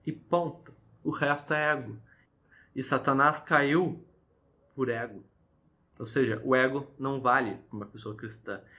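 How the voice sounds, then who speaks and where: A man's voice: fairly high pitch, pushed and bright. Earnest young man. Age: early 20s. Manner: earnest, preachy, addresses viewers directly with frequent "tá?". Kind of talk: casual confessional talk to camera.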